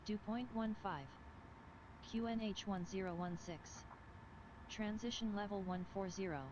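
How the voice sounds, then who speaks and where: A mechanical, even voice reading an automated airport weather broadcast, figure by figure. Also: medium pitch. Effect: automated airport weather broadcast over radio. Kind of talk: recorded information readout. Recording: muffled noisy radio broadcast.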